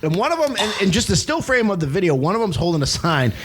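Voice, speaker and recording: A man's voice: sits high, very animated, fast, a bit bright, slight background noise. A man from Maine co-hosting a casual podcast chat, telling a story in a rambling way with lots of fillers. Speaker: co-host.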